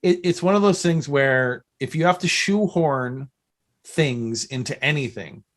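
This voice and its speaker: A podcast host chats casually in an interview, salty, opinionated and effusive. His voice is a little high and he speaks in an unhurried way.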